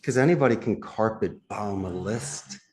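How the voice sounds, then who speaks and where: At a moderate pace, a Philadelphia-accented call center chief fields interview questions with animation and emphasis. His pitch moves around energetically, and he often breaks into laughter.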